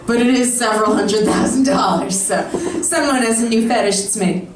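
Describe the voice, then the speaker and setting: Speaking at a normal speed in a fairly high pitch, a woman in her thirties performs a brash, sarcastic comedy set over music. The mic is distant, the club room echoey, and the live audience keeps laughing.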